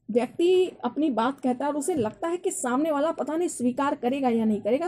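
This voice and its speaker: A woman teacher, reading verses of a poem slowly and then explaining each line in plain words. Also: a little high, warm tone.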